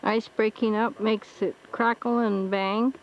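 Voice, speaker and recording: A woman's voice: fairly high pitch, little pitch movement, a little slow. A woman narrating her own home video outdoors, describing the scenery plainly on old camcorder audio. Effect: old camcorder audio, muffled with faint hiss. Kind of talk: casual narration while filming. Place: outdoors by a lake and campground. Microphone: built-in camcorder mic. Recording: muffled lo-fi camcorder tape with faint hiss.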